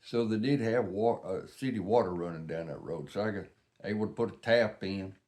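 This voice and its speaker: Low-voiced Southern man, folksy storyteller. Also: brisk, a little mellow. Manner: folksy, plain-spoken reminiscing. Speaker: vlogger. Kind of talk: casual rambling storytelling.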